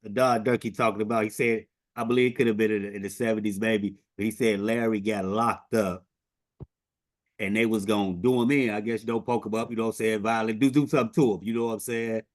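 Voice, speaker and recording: A man's voice: on the low side, steady tone, brisk, dry recording, clean studio sound. A man hosting a casual interview, often filling with "you know what I'm saying". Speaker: host.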